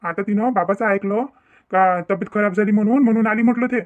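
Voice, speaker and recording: A man's voice: high-pitched, a little fast, highs cut off, natural voice. A man voicing a stressed young married man, hesitant and complaining, who stammers in a cartoon family drama.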